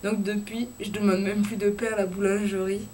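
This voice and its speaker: A young woman from the southwest of France, her accent clear and sing-song as she talks straight to her camera. Her pitch sits in the middle, and she speaks frankly and swears casually, filling her pauses with little hesitations. A faint hiss runs under the recording. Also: level tone, dark tone. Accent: southwest French (Lot-et-Garonne). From Lot-et-Garonne, southwest France. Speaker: YouTuber. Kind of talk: casual chat vlog.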